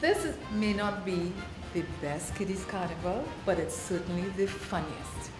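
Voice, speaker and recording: A woman's voice: fairly low pitch, normal speed, natural voice. Woman doing a dramatic young girl, echoey room, music under. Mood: amused. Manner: dramatic complaining. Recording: roomy echo with music behind.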